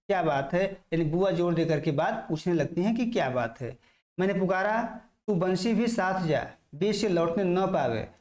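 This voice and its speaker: A man's voice: high voice, a little mellow, roomy sound. A man reading a short story aloud and then restating each passage in plain words for his viewers. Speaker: literature channel host.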